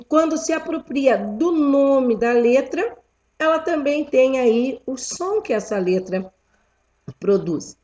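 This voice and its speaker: A woman, lecturing teachers in a deliberate way and checking in with rhetorical questions. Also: on the high side, darkish tone. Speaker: teacher educator. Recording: dull lo-fi recording.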